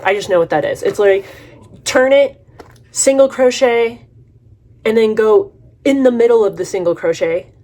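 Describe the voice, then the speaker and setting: A woman's voice: on the high side, normal speed, pauses often, darkish tone. A young adult woman chatting casually in a vlog as she does her makeup, rambling with lots of fillers. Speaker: vlogger. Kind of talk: casual vlog chat while doing makeup.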